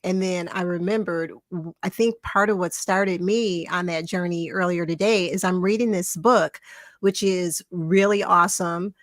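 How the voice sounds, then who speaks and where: A woman's voice: lowish voice, fairly even intonation, moderate pace, no echo, clean studio sound. A woman co-hosting a casual talk show, chatty and reflective, laughing often as she shares stories. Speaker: podcast co-host. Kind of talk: casual conversation.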